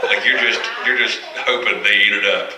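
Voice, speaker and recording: A man in his thirties doing loose, profane live stand-up comedy on a small arts center stage, breaking into loud shouted punchlines. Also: lowish voice, fairly even intonation, normal speed, very noisy. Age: 30s. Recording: roomy live hall, mic off at a distance.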